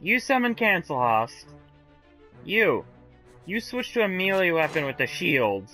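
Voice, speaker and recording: A man's voice: sits high, very animated, a little slow, sharp tone, faint music behind. A man doing casual let's play commentary, thinking aloud, reactive and sweary, talking to the game's characters.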